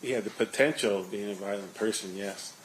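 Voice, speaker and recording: Low-voiced man testifying under cross examination. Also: a little hiss or hum, poor audio. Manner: measured, guarded answers. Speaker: witness, police investigator.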